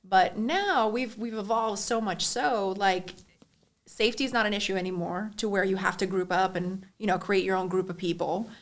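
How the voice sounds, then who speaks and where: A woman's voice: medium pitch, moderate pace. A woman in her thirties, a guest on a podcast, chatting casually and reflectively and asking questions. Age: 30s.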